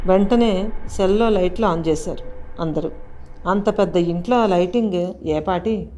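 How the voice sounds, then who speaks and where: A woman narrating a haunted house audio story in an expressive, dramatic storytelling manner. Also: lowish voice, moderate pace, faint music behind.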